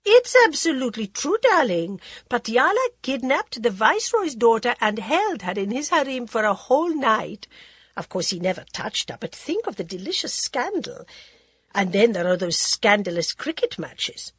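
A woman reading aloud voices a theatrical high-society lady who gushes and calls everyone darling. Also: big pitch swings, moderate pace, a bit bright, husky, dry recording, heavily acted. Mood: gushing gossip.

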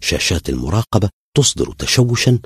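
A male storyteller with a deep, very husky voice, reading a dramatic story aloud. His pitch swings widely as he builds tension. The recording is close and dry. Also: big pitch swings, a little fast, no echo. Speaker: narrator. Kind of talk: dramatic audio story narration.

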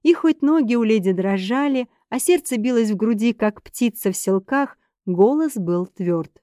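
A woman narrating a novel in a steady, measured storytelling manner. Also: a little high, no echo, studio quality. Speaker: audiobook narrator. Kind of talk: scripted narration.

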